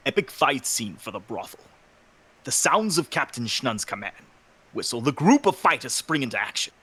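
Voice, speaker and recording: A man with a bright, forward voice narrates a fanfiction reading and calls out each character's cue. His tone is upbeat and chatty. The pitch sits in the middle range. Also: big pitch swings, measured pace, breathy edge. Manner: upbeat, announcing the cues. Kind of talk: casual chat and fanfiction narration.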